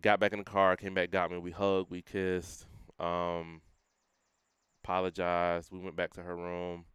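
A young man with a very deep, very clear voice tells a personal testimony in a casual interview. He talks earnestly, in everyday slang, and drops his voice when he quotes himself. The sound is dry and close. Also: completely flat delivery, measured pace, a bit bright, no echo. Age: young adult. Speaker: guest sharing his testimony.

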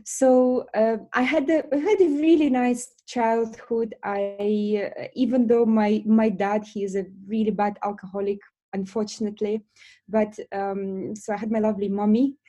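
A woman from Belarus with a Belarusian accent, speaking non-native English as an interview guest in a casual style, with hesitant, pause-filled phrasing. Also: mid-range voice, steady tone, mellow, highs cut off. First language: not English. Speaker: interview guest, lash business founder.

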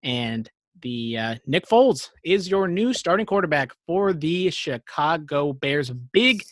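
A man co-hosting a football picks show, talking through each matchup in a casual, teasing way. His voice sits a little higher than most men's. The sound is close and dry, with no room around it. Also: animated, slow pace, a bit bright, no room sound. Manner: runs through game previews, teasing banter. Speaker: podcast co-host. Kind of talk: casual sports picks chat.

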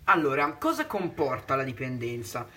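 A man co-hosting a podcast talk with a bright, sharp tone. His pitch moves a lot as he walks through his points step by step, methodical and explanatory. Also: big pitch swings, normal speed. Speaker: podcast co-host. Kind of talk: podcast discussion.

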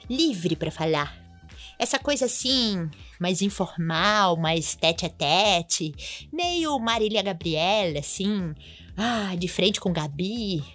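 A woman clown hosting a comedy podcast, her voice leaping all over the scale in playful, bossy bits. She takes her time with each line and jumps into sudden squeals. Soft music sits faintly behind her. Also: mid-range voice. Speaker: podcast host.

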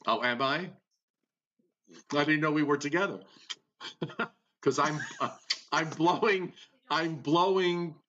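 A man co-hosts over a bad remote connection that breaks up, his muffled, lo-fi voice arriving with lag. He talks slowly and with a lively swing in pitch, bright in tone. He teases as he quizzes and often stops to restart a sentence. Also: slight background noise. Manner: teasing quizmaster, halting with many restarts. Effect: bad connection, breaking up with delay. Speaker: co-host. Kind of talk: casual on-air chat, running a guessing game.

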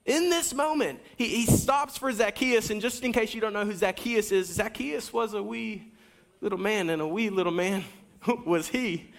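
A man giving a sermon as a pastor, preaching energetically with wide swings in pitch and loudness and talking straight to the congregation. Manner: addresses the congregation directly, with asides and a coaching tone.

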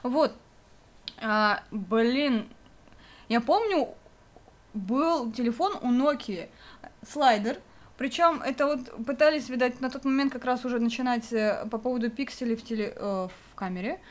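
Chatty young woman, slightly high voice. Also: measured pace. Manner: chatty, rambling, full of fillers and laughs. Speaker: podcast co-host. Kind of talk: casual nostalgic chat.

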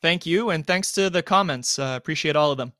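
A man who writes as a soccer journalist, chatting as a guest in an easygoing, halting way with many fillers. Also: on the high side, bright, forceful tone, dry recording, clean studio sound. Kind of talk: casual interview chat.

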